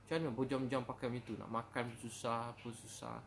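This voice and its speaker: Man, Malaysian Malay accent, preacher, rapid delivery, casual question-and-answer talk, frequent "ha" fillers, faint background hum. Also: mid-range voice, little pitch movement, vocal fry. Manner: fast, warm conversational preaching with many "ha" fillers. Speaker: religious preacher.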